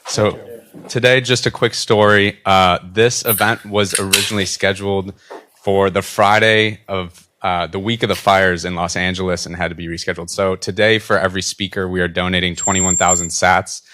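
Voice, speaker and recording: Man, conference host, deep voice, faint background noise. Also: level tone, moderate pace, bright, forceful tone. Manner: announcing logistics to the room. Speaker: event host and moderator. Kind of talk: moderating a conference panel.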